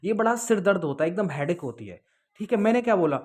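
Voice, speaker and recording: A man hosts a casual Q&A to camera, answering viewers' questions about police jobs in a conversational, advising tone and often checking with "okay?" and "understood?". His voice is high-pitched, expressive and darkish in tone, and he speaks quickly.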